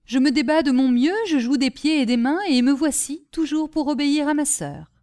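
Lady doing a dopey sweet peasant boy, high bouncy voice, eager storyteller vibe. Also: animated, moderate pace, darkish tone. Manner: naive, eager, breathless storytelling. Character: simple-minded earnest young peasant boy.

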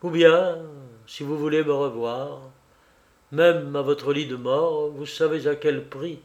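A man's voice: on the high side, lively intonation, moderate pace, dull audio. A man voicing an anguished young man, torn by guilt, who speaks in a tense and earnest way.

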